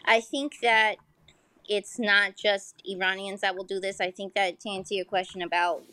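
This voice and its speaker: Her voice mid-range and fairly bright, this American woman, a pole dancer guesting on a podcast, speaks in a frank, casual, sweary way. She says "like" a lot, and the audio is dry.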